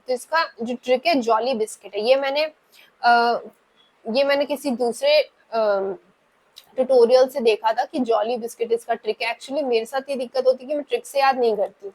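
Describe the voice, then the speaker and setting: A woman's voice: fairly high pitch, low-quality recording. A young woman teacher giving an exam-prep lecture, going through lists one by one and often checking in with "है ना". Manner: slow, spelling out lists item by item with frequent "है ना".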